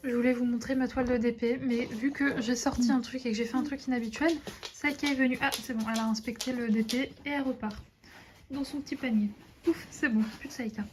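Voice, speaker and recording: A young woman chatting casually to her viewers from her desk at home, relaxed and full of hesitations. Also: fairly high pitch, fast, faint music behind. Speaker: vlogger. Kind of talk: casual chat to camera. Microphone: phone camera.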